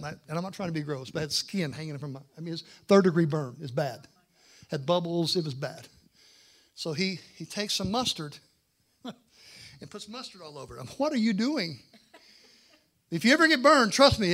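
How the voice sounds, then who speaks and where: High-pitched animated male preacher. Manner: animated, swings from loud bursts to hushed low lines. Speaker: guest preacher. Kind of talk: sermon with personal storytelling.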